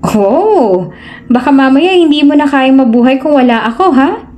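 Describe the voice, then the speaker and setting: A woman voicing a caring young man who comforts a crying friend, teasing her gently in a storybook tale. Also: mid-range voice, moderate pace, faint music behind, lightly acted. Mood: playful.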